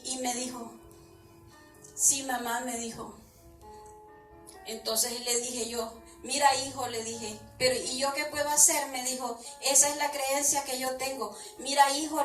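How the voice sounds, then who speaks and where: A woman's voice: high-pitched, a bit bright. A woman giving a personal religious testimony to a congregation, retelling conversations and repeatedly addressing her listeners as brothers. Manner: retells dialogue, repeating "I told him" after each phrase. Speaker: church member giving testimony. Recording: echoey room, voice far from the mic, faint music.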